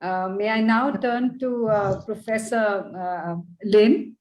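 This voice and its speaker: A woman's voice: mid-range voice, takes it slowly, a little mellow. A woman moderating a conference panel in a polite, formal manner. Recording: echoey room on video call.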